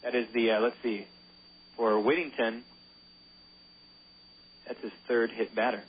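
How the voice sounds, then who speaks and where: A man calls a minor-league baseball game for local radio, relaxed and joking, sometimes tripping over player names. His voice sits in a middle register. It comes through a narrow, phone-like channel with a faint hiss underneath. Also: medium pitch, measured pace. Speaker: play-by-play announcer. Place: ballpark broadcast booth.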